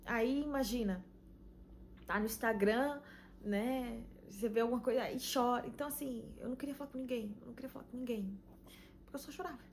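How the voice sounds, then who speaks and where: A young Brazilian woman sharing an earnest, emotional faith testimony, full of pauses and "you know?" tags. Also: fairly high pitch, a little mellow, slight background noise. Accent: Brazilian Portuguese. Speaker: channel host giving a faith testimony. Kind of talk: personal testimony vlog.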